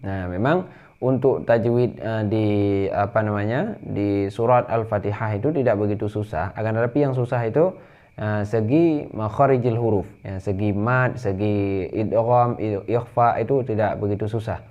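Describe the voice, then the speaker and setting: A man with an Indonesian accent teaching Quran recitation rules, explaining patiently and then chanting verses in a drawn-out higher voice. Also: darkish tone, muffled recording. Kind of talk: tajwid lesson with chanted recitation.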